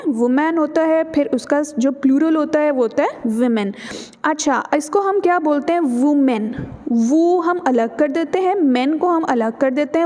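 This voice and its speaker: A woman teaching English pronunciation in an online lesson, explaining in Urdu mixed with English and drawing out each model word slowly. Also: sits high, warm tone, big-room sound. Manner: explains in Urdu mixed with English, repeats "theek hai" often; slows down sharply on English model words.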